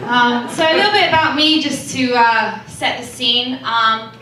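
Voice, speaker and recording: A woman's voice: a little high, unhurried, bright, forceful tone. A young British woman from England doing a stand-up set with a dry, self-deprecating delivery. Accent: British English. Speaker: stand-up comedian. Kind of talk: stand-up routine. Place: small improv theater stage. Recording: echoey, distant, noisy room recording.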